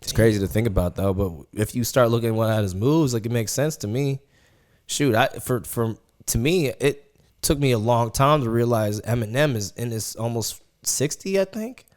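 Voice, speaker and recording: A man in his twenties hosts a podcast in a casual, rambling chat packed with fillers and repeated words. His voice is medium-pitched and a little mellow, at normal speed.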